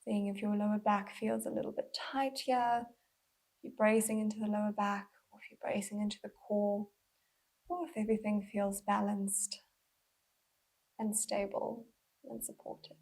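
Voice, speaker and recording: A low-quality recording of a woman leading a guided body scan as a mindful movement instructor. Her voice is mid-range, breathy, and slightly husky, showing little pitch movement, and she speaks gently and unhurriedly with pauses.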